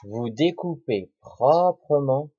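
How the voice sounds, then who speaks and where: A man teaching young children a lesson, talking slowly and deliberately and repeating words and syllables. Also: medium pitch, expressive, husky, no room sound. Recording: dull lo-fi recording.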